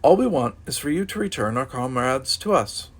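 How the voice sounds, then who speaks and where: A man voicing a calm male android officer who speaks in a precise, formal way. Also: mid-range voice, normal speed, slightly rough. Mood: earnest.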